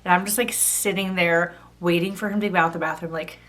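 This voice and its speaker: A woman's voice: fairly low pitch, fairly even intonation, fairly quick, fairly bright tone. A thirty-year-old woman vlogging, telling a personal story in a chatty, casual way with lots of "like". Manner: chatty, fillers of "like" throughout.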